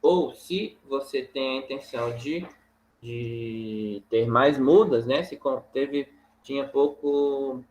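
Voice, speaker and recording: A man teaching a farming course over slides, talking in a halting way with many fillers and tag questions. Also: medium pitch, a little mellow, slight background noise, rough recording. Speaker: agronomy instructor.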